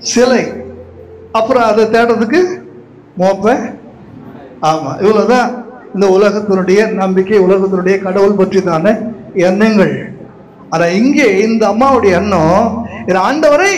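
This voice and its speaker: A man's voice: sits high, a little mellow, a little hiss or hum. A male pastor preaching a sermon, questioning his congregation and repeating phrases for emphasis. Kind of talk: Tamil sermon with scripture reading. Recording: echoey hall.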